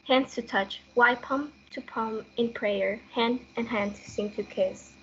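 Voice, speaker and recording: A woman's voice: a little high, slow pace, a bit bright, slight background noise. A young woman playing a lovestruck, earnest, conflicted young Juliet in a student reader's theatre performance. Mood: shy, tender. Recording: dull lo-fi audio.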